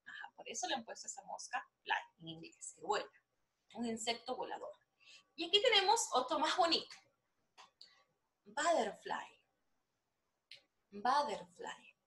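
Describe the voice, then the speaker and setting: A young adult woman teaching English to young children, explaining slowly and patiently, repeating herself and checking they follow, lively and encouraging. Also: sits high. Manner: slow, patient explaining with lots of repetition and check-ins. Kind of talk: online lesson for young children. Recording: roomy echo.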